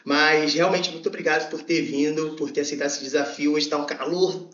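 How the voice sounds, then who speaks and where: A man's voice: a little high, steady tone, a little fast, a bit bright, echoey room, dull audio. A man hosting a podcast, upbeat and chatty, often laughing as he talks. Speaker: podcast host. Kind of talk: casual chat.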